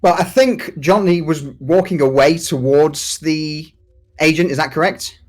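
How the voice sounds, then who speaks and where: A man's voice: on the high side, a little slow. A man playing a tabletop game, eagerly describing his character charging in, laughing as he goes. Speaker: player.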